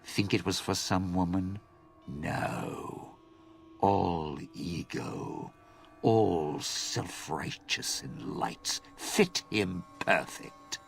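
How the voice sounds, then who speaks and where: An actor playing a bitter, vengeful lounge singer who schemes and sneers, in video game dialogue. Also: male voice, deep voice, creaky, soft background music, heavily acted. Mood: scornful. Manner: sneering, drawn-out, sly.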